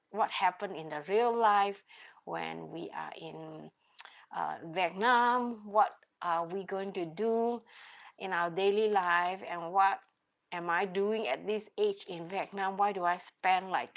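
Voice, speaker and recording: A woman's voice: lowish voice, fairly bright tone. A woman with a Singaporean accent, chatting casually to viewers as a channel host in a hesitant, meandering way full of verbal asides. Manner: hesitant, meandering, with "you know" and "like" as constant asides.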